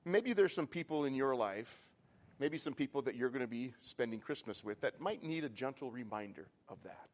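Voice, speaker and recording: A man's voice: mid-range voice, animated, normal speed. A man preaching a sermon as pastor, with impassioned delivery that swells into strong emphasis.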